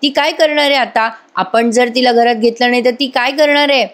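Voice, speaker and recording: An impatient young man pressing urgently with questions, as a woman puts him on. The voice rides high. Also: fairly quick, close to an everyday voice.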